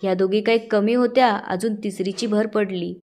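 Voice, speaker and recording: An exasperated male neighbor grumbles quietly about the fighting women, as a woman reads his part. He sounds weary and resigned. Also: mid-range voice, steady tone, normal speed, close to an everyday voice.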